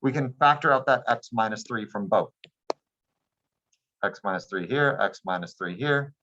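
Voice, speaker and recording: A man's voice: lowish voice, moderate pace, bright, forceful tone, a little hiss or hum. Male teacher, classroom lecture, patient and step by step, slightly dull lo-fi sound. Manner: checks in with students often, patient and plain. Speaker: math teacher.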